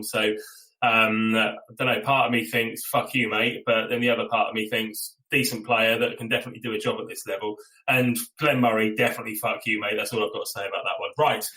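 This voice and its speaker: A man's voice: fairly low pitch, pushed and bright, rough recording. A man hosting a casual football fan podcast, blunt and swearing freely as he steers the chat with questions. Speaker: podcast host.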